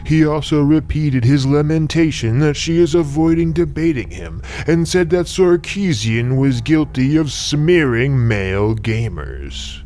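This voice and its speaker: A man's voice: on the high side, animated, measured pace, hardly any pauses, warm tone. A man giving a hammy, theatrical dramatic reading of an article, like a stage actor, as narrator. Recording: music behind the voice. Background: music.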